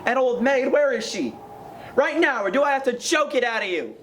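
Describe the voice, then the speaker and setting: A man's voice: very high voice, expressive, normal speed, background noise. A man playing a desperate young husband in an amateur stage play, pleading and frantic.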